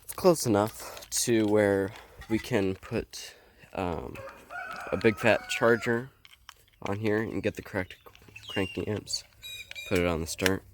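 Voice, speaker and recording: Slow, low-voiced young man full of ums. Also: slight background noise. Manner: halting, filled with ums. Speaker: homesteading vlogger. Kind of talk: casual how-to explanation. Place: outdoors beside a truck. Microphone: phone held while filming.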